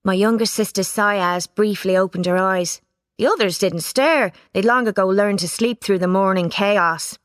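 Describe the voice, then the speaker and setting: A woman's voice: mid-range voice, moderate pace, no room sound, clean studio sound. Woman reading a storybook. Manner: lively character voices, plain narration. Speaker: audiobook reader. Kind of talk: storybook narration.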